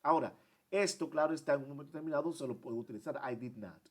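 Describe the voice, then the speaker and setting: A man's voice: a little high, fast talker, darkish tone. Male English teacher, explains each grammar rule in both languages. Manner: switches between Spanish and English, repeats and translates each point. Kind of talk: bilingual grammar lesson.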